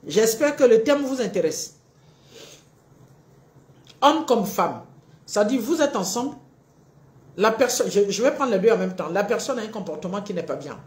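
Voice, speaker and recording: A woman relationship coach giving a live-streamed talk, acting out both partners in quick little dialogues. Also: mid-range voice, expressive, a little mellow, roomy sound.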